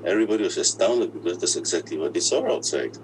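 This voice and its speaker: A man whose voice has been disguised and pitched deep, telling his own story in an interview, halting and often restarting his words. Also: expressive, background noise. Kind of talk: personal account in an interview.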